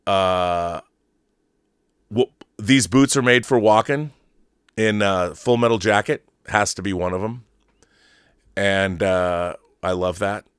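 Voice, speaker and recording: This middle-aged host of a film fandom livestream has a lowish, slightly bright voice that sounds clear and resonant in a studio-quality recording with no room sound. He's an eager fan with strong opinions, chatting casually and responding to viewers' messages, often wandering off and repeating himself as he thinks aloud.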